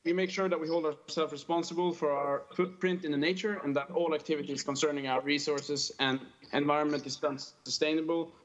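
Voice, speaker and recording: A Norwegian-accented man in his early twenties, a fishing tourism operator from a small northern Norwegian island, earnestly presents prepared remarks as a panel speaker calling into a conference remotely. His voice is fairly high and even, fast and nearly pauseless. The video call audio is dull and lo-fi.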